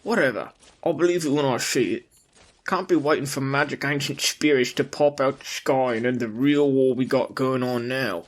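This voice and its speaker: Dude voicing a cynical soldier in a cartoon, blunt and sweary, middle pitch. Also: male voice, moderate pace, natural voice. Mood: blunt scoffing. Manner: scoffing, swearing. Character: skeptical male soldier, blunt and foul-mouthed.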